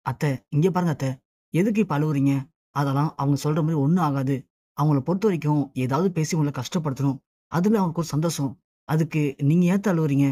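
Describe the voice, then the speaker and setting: A narrator reading a calm young daughter-in-law. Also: medium pitch, a little fast, natural voice. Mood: reassuring. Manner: soothing, reassuring.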